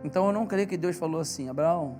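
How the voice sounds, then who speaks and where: A man's voice: sits high, racing, a little mellow, faint music behind. A male pastor with a Brazilian Portuguese accent preaching in church, telling stories with animation and emphasis. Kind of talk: sermon.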